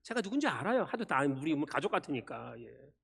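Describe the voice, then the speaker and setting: A male pastor preaching a Sunday sermon, firing rhetorical questions at the congregation and swinging between loud emphasis and quiet asides. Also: fairly high pitch, big pitch swings, fairly quick, creaky, breathy edge. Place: church sanctuary. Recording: long church reverb.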